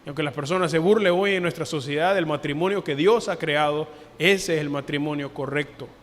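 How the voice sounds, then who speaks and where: A man preaching a sermon as pastor, earnest, lifting his voice for emphasis and dropping it softly for quoted words. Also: fairly high pitch, brisk. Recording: long hall reverb.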